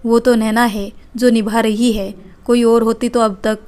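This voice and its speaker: A woman's voice: fairly high pitch, little pitch movement, measured pace, darkish tone, lightly acted. A woman voicing an outspoken, caring elder sister-in-law in a read-aloud family story. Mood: angry. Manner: firm, reproachful.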